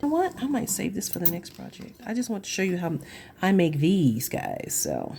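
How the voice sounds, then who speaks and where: A woman's voice: on the low side, wildly swooping pitch, moderate pace, gravelly, dark tone, a little hiss or hum. A woman chatting through a crafting tutorial, gushing over her work and dropping to murmurs as she works. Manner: chatty, gushing, drops to murmurs while working. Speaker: craft vlogger.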